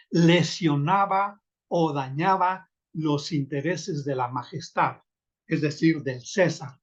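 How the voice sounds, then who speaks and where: A man preaching a sermon, speaking slowly and deliberately, calling his listeners brothers and reading scripture aloud. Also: on the high side, husky. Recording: dull lo-fi recording.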